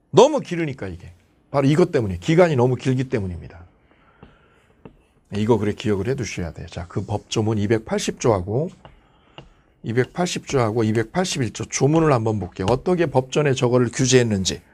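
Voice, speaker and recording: Lively Korean lecturer, man, animated pitch. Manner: asks and answers his own questions, repeats key numbers. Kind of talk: exam prep lecture.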